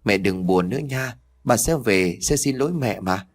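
A gentle teenage daughter in an audio story, as a male narrator puts her on. She pleads softly and sweetly, with a lively lilt. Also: on the low side, normal speed. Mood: pleading. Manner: soft pleading. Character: gentle sixteen-year-old daughter.

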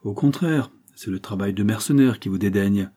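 A man's voice: lowish voice, moderate pace, warm tone, breathy edge. A male audiobook reader voicing a sardonic, fearless, frail man with a cutting, sneering delivery. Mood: needling.

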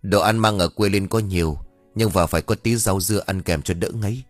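A man voicing a gentle young wife, talking in a soft, caring way. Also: sits low, fairly quick, no room sound, faint music behind. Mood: worried caring.

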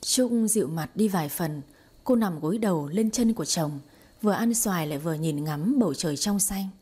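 A woman narrates a romance story in a steady, even storytelling manner. Her voice is mellow and dark with a husky edge. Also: on the low side, a little fast.

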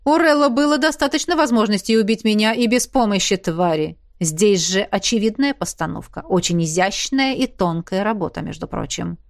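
A woman's voice: mid-range voice, normal speed, gravelly, hardly any pauses, no room sound, lightly acted. Woman doing a wry middle-aged king, grumbling, dry tone, storybook.

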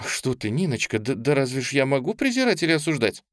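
A man's voice: medium pitch, sing-song, fast, no room sound, clean studio sound, pitched above the performer's own voice, close to an everyday voice. A man reading a story, voicing a timid, lonely young woman who speaks hesitantly and plaintively. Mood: dismayed.

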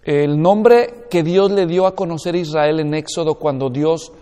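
A man's voice: a little high, unhurried, mellow, clean tone. Man teaching a Bible class in a hall. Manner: explanatory, checks understanding with questions.

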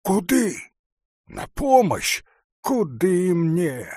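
A frightened, pious old forester , voiced by a man reading a story aloud, who complains and laments in a plaintive, sighing voice. He sounds a little husky and speaks slowly, and his pitch rises and falls a great deal. The recording is dry and close. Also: sing-song, darkish tone, dry recording, exaggerated voice.

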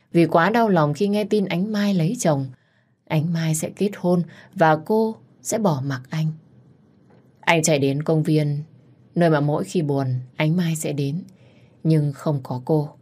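A woman narrating a dramatic romance story in the first person, steady and expressive. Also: low-pitched.

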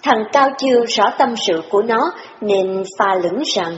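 A woman giving steady, measured scripted narration of an audiobook. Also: mid-range voice, slight background noise. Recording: dull, roomy reverberant audio with faint music.

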